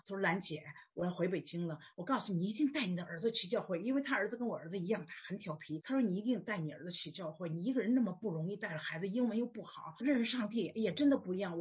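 A middle-aged woman from China giving a personal faith testimony as a church member, telling her story with lively storytelling and acting out the voices in dialogue. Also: medium pitch. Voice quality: husky. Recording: dull lo-fi recording.

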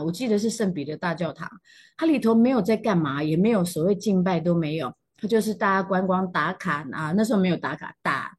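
A woman's voice: fairly low pitch, a little mellow, slightly rough. A middle-aged woman with a Taiwanese Mandarin accent sharing a personal faith testimony in emotional storytelling, her voice jumping up at moving moments. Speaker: church testimony speaker.

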